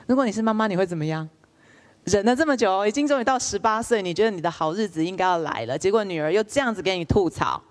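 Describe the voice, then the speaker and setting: A woman's voice: medium pitch, fast talker. A woman lecturer, telling stories in a public lecture and asking the audience questions. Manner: lively storyteller, asks the audience rhetorical questions.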